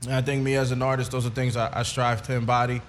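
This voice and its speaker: A man's voice: medium pitch, fast talker, a little hiss or hum. A man from Queens, New York, a rapper talking casually and thoughtfully as a guest in an interview. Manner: relaxed, thoughtful, many fillers.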